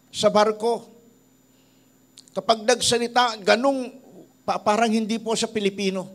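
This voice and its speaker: Filipino pastor telling stories from the pulpit. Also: male voice, high-pitched. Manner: tells stories in a lively voice, quoting people he met. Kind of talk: sermon with storytelling.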